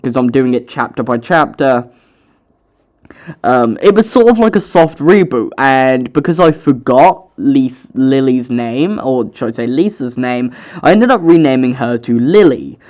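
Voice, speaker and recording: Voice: mid-range voice, animated, measured pace, a little mellow. A young author narrating their own story, breaking off for casual, self-mocking, sweary commentary.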